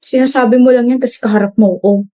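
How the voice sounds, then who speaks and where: A woman's voice: on the high side, steady tone, quick pace, mellow, natural voice. A young woman playing a shy, self-conscious female college student who gets flustered and teasing in a skit. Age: young adult. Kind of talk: skit role-play.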